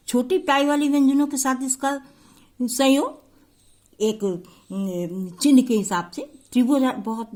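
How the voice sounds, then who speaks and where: A woman teacher explaining a school grammar lesson step by step to her pupils. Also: medium pitch.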